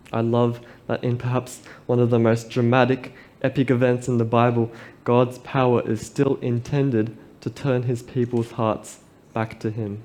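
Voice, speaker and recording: A man preaching a sermon at a pulpit microphone, reading scripture aloud and reflecting on it in a measured, earnest way. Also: mid-range voice, darkish tone.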